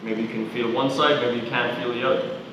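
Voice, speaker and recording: Male movement coach, calm guided body-scan cues, distant mic, roomy reverb. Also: medium pitch, a little fast, noisy background. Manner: calm, questioning, step-by-step cues. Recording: echoey roomy sound from far off.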